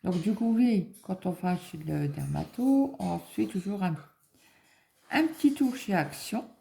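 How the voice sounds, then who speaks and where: Middle-aged woman vlogger, casual rambling chat, low dark gravelly voice. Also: lively intonation, measured pace. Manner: rambling, many fillers, acts out quoted dialogue. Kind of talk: casual chat, retelling an appointment.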